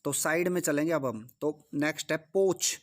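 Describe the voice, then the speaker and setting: A man's voice: on the high side, moderate pace. Man drilling English vocabulary, repeating words. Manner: drills each word by repeating it and asking rhetorical questions. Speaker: English teacher. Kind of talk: vocabulary lesson.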